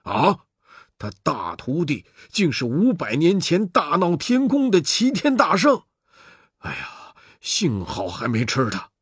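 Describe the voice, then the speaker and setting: A man voicing jumpy, blustering rhinoceros demon minions with a husky voice. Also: sits high, expressive, unhurried, hardly any pauses, bright, forceful tone, dry recording, clean studio sound, voice pushed up, full character voice. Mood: alarmed. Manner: blustering, startled.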